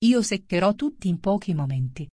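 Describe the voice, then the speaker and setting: A woman's voice: medium pitch, very animated, normal speed, warm tone, no echo, studio quality. A woman voicing a pompous, self-important male mouse in a storybook reading. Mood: lecturing. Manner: stiff, self-important, frowning.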